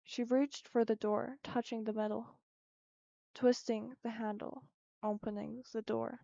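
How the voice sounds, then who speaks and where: A woman reading her own short story aloud at a steady, careful pace. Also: fairly high pitch, unhurried, gravelly, no echo, dull audio.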